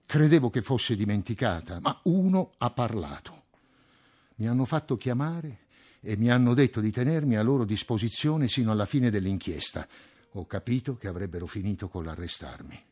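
A man reading an audiobook, voicing an anxious, touchy middle-aged man who flares into shrill outbursts. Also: lively intonation, moderate pace, darkish tone, breathy edge.

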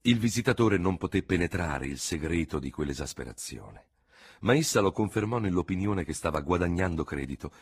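Man, audiobook narrator, deep voice, husky, lively intonation, literary reading.

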